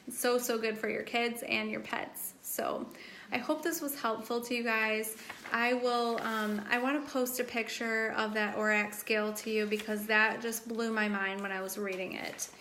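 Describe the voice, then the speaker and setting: Promoting a wellness drink, a live stream host chats her way through a casual Q&A with plenty of fillers and lots of enthusiasm. Her fairly high voice has a bit of brightness, but she is losing it. Slight background noise can be heard.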